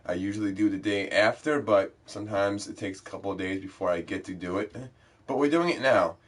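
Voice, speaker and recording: A young gaming vlogger, congested from a cold, rambles through the intro to his game stream in a brisk, lowish voice. He's chatty and loose, using lots of fillers.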